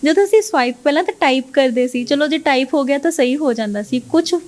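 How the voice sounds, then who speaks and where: A woman with a high, lively voice talks fast as she explains her teaching methods in an interview. She teaches English, mixes English phrases into her Punjabi, and keeps checking with the listener by asking "right?"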